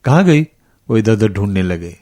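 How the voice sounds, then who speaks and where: An actor playing a kindly old grandfather who tells children a spooky story in a radio lesson, in a slow, dramatic manner. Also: on the low side, very animated, dark tone.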